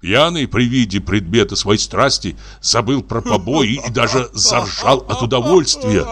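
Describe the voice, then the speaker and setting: A man reading a literary story aloud in an expressive, measured manner. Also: mid-range voice, slight background noise. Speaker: audiobook narrator.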